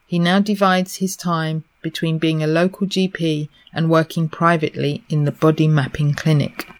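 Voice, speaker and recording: This podcast host from Essex, England has a deep voice and a flat delivery at normal speed. She gives a scripted introduction to her guest and then interviews them.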